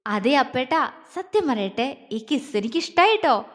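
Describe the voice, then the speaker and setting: A woman's voice: high-pitched, sing-song, normal speed, a bit bright. A woman voicing a spirited young woman who teases and snaps back in an audio story. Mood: teasing. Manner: coy then fierce. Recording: long reverb.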